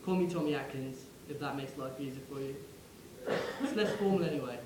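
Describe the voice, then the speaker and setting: In a theatrical monologue, a man plays the wry ghost of a young English soldier from the First World War, speaking conversationally and straight to the listener. His voice is medium-pitched, brisk and close to everyday speech, recorded in an echoey room with a lot of noise.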